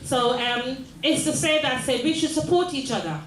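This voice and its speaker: A woman's voice: high-pitched, moderate pace, slight background noise. An older woman born in Jamaica, a mayor giving an earnest community speech, often repeating phrases and asking the audience "yes?". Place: large room at a mayor's office. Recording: echoey room with faint ambience.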